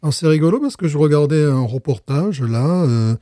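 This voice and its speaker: A man's voice: a little high, expressive, a little fast, dark tone, no room sound, studio quality. A man chatting casually while tasting beer, joking and playing with words between hesitant fillers. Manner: jokey, wordplay, hesitant fillers. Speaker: beer taster. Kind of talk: casual chat.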